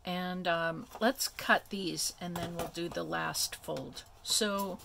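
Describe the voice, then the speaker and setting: A woman hosting a craft tutorial, explaining each step in a relaxed, chatty way with many ums and asides. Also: lowish voice, takes it slowly, gravelly, background noise. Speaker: craft video host.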